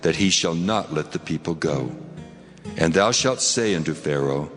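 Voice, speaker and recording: An actor playing God as a commanding, majestic, stern deity, solemn and declamatory, in a dramatized Bible reading. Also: male voice, rumbling low, lively intonation, normal speed. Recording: long cavernous reverb over loud music.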